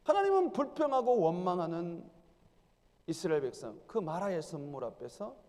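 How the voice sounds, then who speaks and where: A man's voice: sits high, very animated, moderate pace, darkish tone. A man preaching a sermon as pastor, stressing his points and acting out the people's prayers in the voices of the crowd. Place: church sanctuary. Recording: church hall with long reverb.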